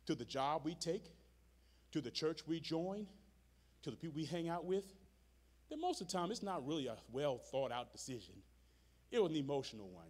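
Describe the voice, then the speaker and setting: This is a sermon at a live church service, delivered by a pastor whose voice is high for a man and moves sharply up and down. He addresses the room plainly, calls out to the people ahead of him, and repeats phrases rhythmically to drive his points home.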